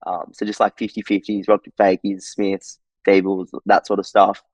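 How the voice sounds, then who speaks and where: A young man with an Australian accent talks easily as a podcast guest, his voice sitting low. He rambles in a laid-back way, dotting his talk with fillers. The sound is close and dry. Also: completely flat delivery, normal speed, a little mellow, dry recording, low-quality recording. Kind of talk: casual interview chat.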